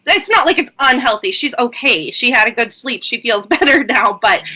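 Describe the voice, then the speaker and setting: A bright, somewhat high woman in her thirties chats casually on a live video show. She talks with animated emphasis and laughs often. Her voice rings clear and forward. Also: normal speed. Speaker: co-host. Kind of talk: casual chat. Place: at home, live video chat.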